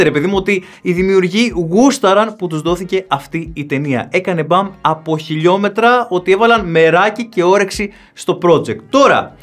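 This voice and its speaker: A man hosting his own channel, giving a casual, emphatic film review and speaking straight to his viewers. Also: high-pitched. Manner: emphatic and chatty, addresses viewers directly.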